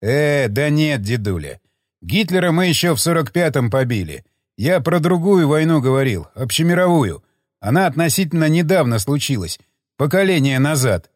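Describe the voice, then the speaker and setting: A plain-spoken young sergeant with a wry edge, read by a male narrator in close to his own voice. His pitch moves in a lively way, and the recording is dry and close. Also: normal speed, dry recording. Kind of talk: audiobook character voice.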